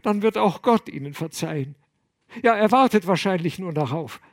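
A man voicing a distraught young man who sobs and reproaches himself in a high, loud lament. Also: animated, normal speed. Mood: anguished. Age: young adult. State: sobbing.

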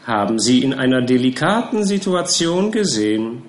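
A man's voice: medium pitch, sing-song, normal speed, lightly acted. A man reading an audiobook and voicing a little, fussy, self-important male lawyer with a bouncy, emphatic manner. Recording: roomy echo.

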